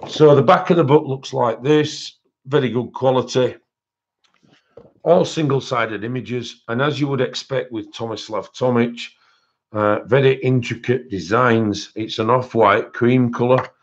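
A coloring book channel host runs a relaxed live-stream haul, keeping up a loose, rambling chat with viewers. His medium-pitched voice moves unhurriedly with lots of fillers and self-corrections, and the recording is slightly dull and lo-fi.

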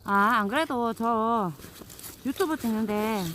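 A vlogger with a Gyeongsang dialect chats playfully to the camera while picking wild greens on a steep outdoor hillside. Her voice is fairly high and slow, and the background is noisy. She is chatty and laughs often.

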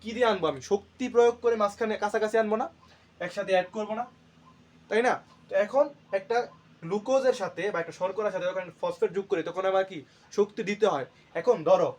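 High-voiced man teaching, quizzing himself. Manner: asks and answers his own questions; repeats key terms to drill them. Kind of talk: classroom lecture.

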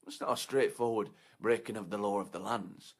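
An actor playing a foul-mouthed, menacing man obsessed with his disco night, swinging from hushed whispers to shouts. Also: fairly low pitch, fairly even intonation, moderate pace, breathy edge. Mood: scornful. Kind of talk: short film monologue.

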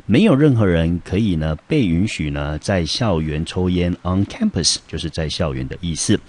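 Very low-voiced male English teacher. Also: lively intonation, a little mellow. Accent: Taiwanese Mandarin. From Taiwan. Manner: slow, careful spelling out of words, explaining step by step. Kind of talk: vocabulary lesson.

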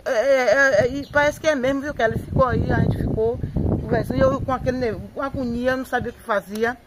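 Excited Bahian woman telling a story. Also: sits high, fast, heavy background noise. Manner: breathless, repetitive storytelling with acted-out quotes. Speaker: interviewee, local resident. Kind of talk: excited eyewitness account. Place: outdoors at a home yard.

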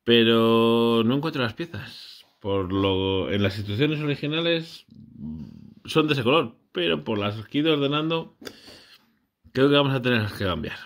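A man's voice: medium pitch, lively intonation, normal speed. A man, casually vlogging a brick build with his child, chatty and often unsure as he corrects himself.

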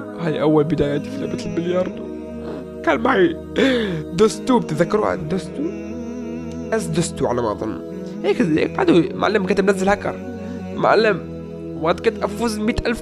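A YouTuber in his twenties answers viewer questions in a casual vlog from a desk in a small room. His voice sits high and swings widely up and down, and he talks fast and playfully, reading out the comments and joking through his answers.

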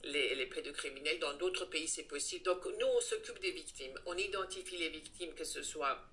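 A woman, speaking earnestly in an interview and pausing now and then to find her words. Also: deep voice, a bit bright. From Iran. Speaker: guest, head of a child-protection association. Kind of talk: interview answers.

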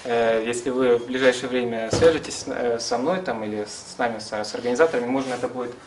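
A man's voice: mid-range voice, steady tone, fast talker. Distant-miked man lecturing hesitantly. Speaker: lecturer, seminar organizer. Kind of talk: informal lecture with question answers. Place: small classroom-like seminar room, indoors. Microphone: camera some metres away. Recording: distant camera mic, faint room noise.

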